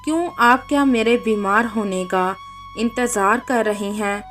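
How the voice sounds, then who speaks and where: A woman's voice: on the high side, measured pace, fairly bright tone, soft background music. A woman reading as a rude young bride. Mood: snappish. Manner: curt and mocking. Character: rude, sharp-tongued young wife.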